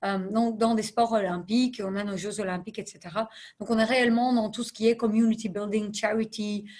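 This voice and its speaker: A nonprofit CEO in her thirties, appearing as a podcast guest, answers interview questions thoughtfully, often hesitating and using English business terms. Her voice is medium-pitched, steady, and darkish, and she speaks fairly quickly.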